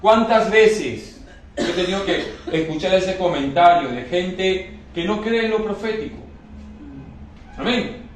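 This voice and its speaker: A man's voice: high voice, expressive, a little slow, slight background noise. A man preaching a sermon emphatically, often asking the congregation whether they understand. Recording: very echoey hall, mic far off.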